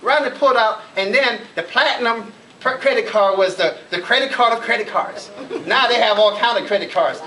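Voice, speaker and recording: A man's voice: sits high, a little fast, bright, forceful tone, rough recording. A middle-aged man giving a motivational keynote speech at a college event, telling stories and acting out his own inner thoughts with building emphasis. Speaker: keynote speaker.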